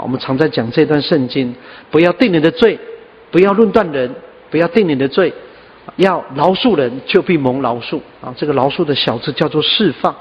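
A man's voice: fairly high pitch, muffled recording. Earnest man preaching in an echoey hall. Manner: scattered with "ah" and "ha" fillers, earnest. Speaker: pastor. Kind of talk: sermon.

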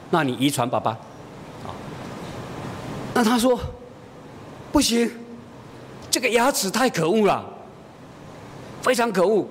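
Storytelling pastor in an echoey hall. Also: male voice. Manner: storytelling, acts out dialogue. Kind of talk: sermon with a personal story. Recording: echoey hall, faint rumble.

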